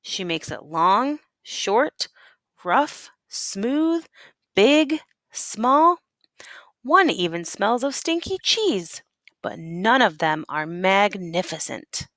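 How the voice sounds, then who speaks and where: Reading a picture book to young listeners as a teacher would, a woman keeps an unhurried pace and a very expressive pitch. She leans hard on key words and asks the children questions. Her voice is recorded close and dry, with no echo.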